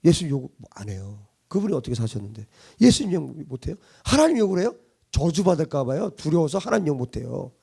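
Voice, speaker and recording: A man preaching a sermon to a congregation as their pastor, asking rhetorical questions and swinging between loud and hushed delivery. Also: a little high, big pitch swings, quick pace, gravelly, breathy edge. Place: church congregation.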